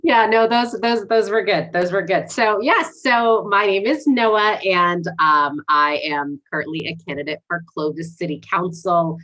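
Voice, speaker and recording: A woman in her forties, born in Egypt and raised in Canada and the United States, introduces herself earnestly as a city council candidate in a livestream interview; English is her second language. Her voice is on the low side and fairly bright, unhurried with few pauses, and the highs are cut off.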